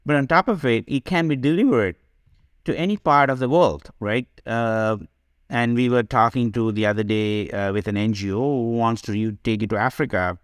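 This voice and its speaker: A Sri Lankan man, co-founder of a digital health company, appears as a podcast guest and answers questions conversationally. His mid-range voice moves at a moderate pace as he explains things, often checking in with a "right?", in a dry, studio-quality recording.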